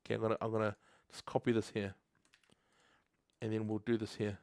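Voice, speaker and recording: This livestream host from New Zealand, a chatty new guy, codes live in a casual stream, frequently laughing and reading the chat aloud. He talks briskly in a low, level, darkish voice, and the recording is dry.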